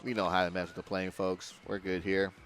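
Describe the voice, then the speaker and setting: Male gaming host, lowish voice, casual let's-play commentary over faint game music. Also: level tone, brisk, fairly bright tone.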